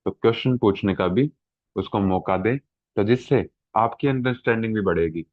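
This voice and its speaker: Man, middle-aged, exam-prep lecture, patient explaining, frequent check-ins, lowish voice, phone-like sound. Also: normal speed, dry recording. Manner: explanatory, mixes English terms, frequent "ठीक है" check-ins. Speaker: teacher. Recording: tinny phone-like dry sound.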